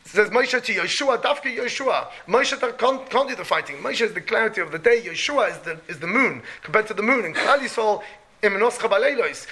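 A man's voice: sits high, sharp tone. A man giving a religious lecture like a rabbi, emphatic, repeating key phrases and posing rhetorical questions. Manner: emphatic, repeats key phrases, peppers speech with Hebrew and Yiddish terms.

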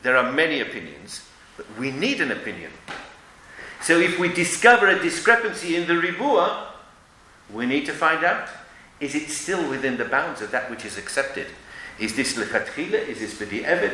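A man's voice: mid-range voice, bright, forceful tone. A man giving an emphatic religious lecture with stories and rhetorical questions, sprinkling in Hebrew and Yiddish terms. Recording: echoey room with background noise.

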